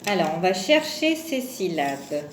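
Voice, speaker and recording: A kindergarten teacher whose voice sits on the low side uses a sing-song, measured delivery for a home lesson with young children. She patiently says each syllable and number aloud, in an echoey room with faint noise behind her.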